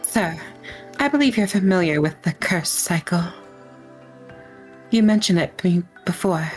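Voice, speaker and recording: A woman reading the lines of a calm, matter-of-fact young ally from a game. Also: lowish voice, a little slow, soft background music, lightly acted. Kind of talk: reading a game's dialogue aloud in character.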